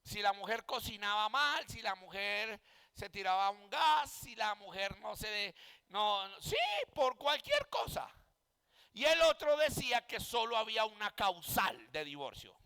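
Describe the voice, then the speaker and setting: Male preacher-teacher, very high pitch, emphatic lecturing with rhetorical questions, heard in a reverberant hall. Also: expressive, moderate pace, gravelly, pushed and bright, clean tone. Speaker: Bible teacher and pastor. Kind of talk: Bible exegesis class.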